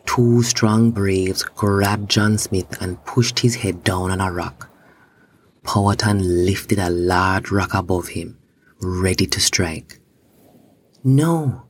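A man narrating a children's story in a slow, even storybook reading. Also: deep voice.

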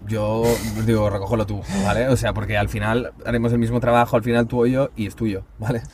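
A man's voice: mid-range voice, level tone, fairly quick, darkish tone. Man arguing his point, faint hiss. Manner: explains and argues points, laughs. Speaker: podcast co-host. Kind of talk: casual chat.

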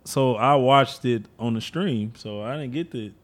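A man's voice: medium pitch, a little slow. A man guesting on a podcast, bluntly chiming in with profane remarks. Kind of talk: casual podcast chat.

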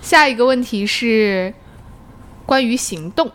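Unhurried woman hosting a casual chat. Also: on the high side, animated, fairly bright tone. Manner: mixes English words into Mandarin. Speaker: host asking questions. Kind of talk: casual conversational discussion.

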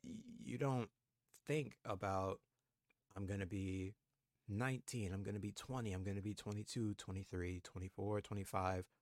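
This twenty-something man co-hosts a podcast, thinking out loud in a relaxed, reflective way and using lots of fillers. His voice is lowish and somewhat dark, with fairly even intonation and a moderate pace. The recording is dry and studio-clean.

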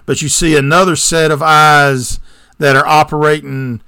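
Gravelly rambling podcast storyteller man. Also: fairly high pitch, level tone, normal speed, sharp tone, dry recording, studio quality. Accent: Southern American. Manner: rambling storyteller with digressions and sarcastic asides. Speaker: podcast co-host. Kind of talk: casual chat, retelling a movie plot.

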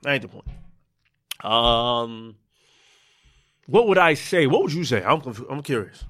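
A man's voice: medium pitch, expressive, measured pace, a bit bright, no echo, studio quality. A man in his twenties in a laid-back, slangy casual chat, full of fillers. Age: 20s.

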